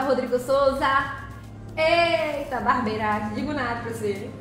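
A woman's voice: high voice, a bit bright, heavy reverb. A woman, live streaming as she drives a truck game, cheerfully greeting viewers by name and giggling.

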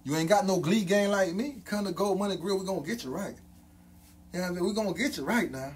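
In a casual hype promo vlog, a man with a grill on his teeth keeps repeating catchphrases and shouting ad-libs. He talks fast in a voice that sits high, over slight background noise.

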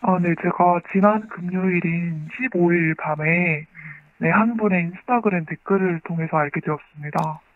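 An interviewed author on the phone, voice disguised by pitch-shifting downward, explaining calmly and factually. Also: moderate pace, no room sound. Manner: calm, factual, methodical explaining. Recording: tinny phone line.

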